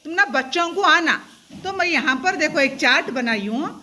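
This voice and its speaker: A woman's voice: high voice, lively intonation, moderate pace, sharp tone. A woman schoolteacher gives a classroom lesson to young pupils. She keeps asking questions, has the class repeat terms back, and mixes English terms into her speech.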